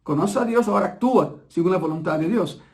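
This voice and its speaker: A man preaching a sermon, emphatic and repeating key phrases slowly so the congregation absorbs them. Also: sits high, a little mellow.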